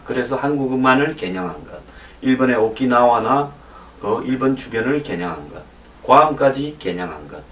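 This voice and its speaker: A man giving emphatic political commentary in short phrases, his diction slightly slurred by lingering dental anesthesia. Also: mid-range voice. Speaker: commentator hosting a security talk. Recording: echoey room, distant mic, faint noise.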